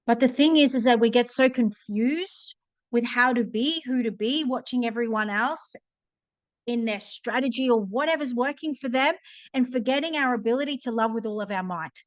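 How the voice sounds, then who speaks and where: An animated woman in her thirties shares a personal story as a coach, her slightly high voice tumbling through fillers and restarts. She is recorded on a close mic that leaves the sound dry, with no room behind her. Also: normal speed, no echo. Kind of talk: casual storytelling talk.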